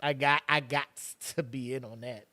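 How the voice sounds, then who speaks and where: A man co-hosting a podcast in casual chat, animated and sarcastic, full of slang. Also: medium pitch, moderate pace, no echo. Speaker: podcast co-host.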